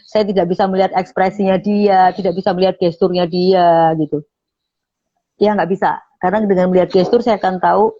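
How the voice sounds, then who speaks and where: A woman's voice: lowish voice, a little mellow. A woman, a radio station manager, explaining public speaking in an online interview and acting out sample phrases. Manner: explains with frequent "nah", acts out sample phrases. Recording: muffled online call audio.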